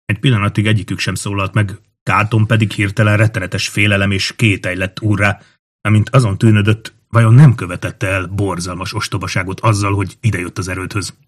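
A male audiobook narrator with a fairly low voice, reading a historical novel steadily and with measure. The delivery is calm and even throughout. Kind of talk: scripted narration.

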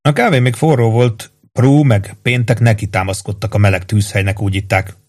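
A male audiobook narrator with a lowish voice reads a novel aloud, keeping his scripted narration even and measured.

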